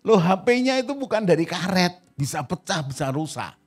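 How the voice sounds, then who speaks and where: Male family teacher, slightly high pitch, deliberate emphatic delivery, light music bed. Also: big pitch swings, slightly rough. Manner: slow, emphatic, repeats key phrases.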